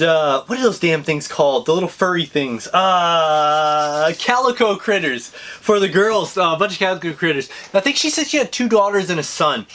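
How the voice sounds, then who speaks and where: A young man, a toy collector, telling a story in an excited, rambling way with lots of fillers and casual swearing. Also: high-pitched.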